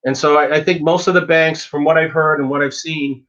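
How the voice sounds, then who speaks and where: A man's voice: fairly high pitch, fairly even intonation, fairly quick, fairly bright tone, muffled recording. A dentist giving frank, emphatic advice in a casual interview, often repeating words as he talks.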